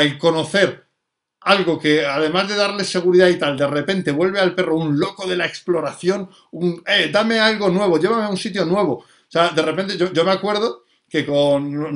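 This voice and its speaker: High-voiced man explaining. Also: moderate pace, fairly bright tone. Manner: explanatory, often checks in with "vale" and "sabes". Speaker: dog trainer answering viewer questions. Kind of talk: live explanatory talk.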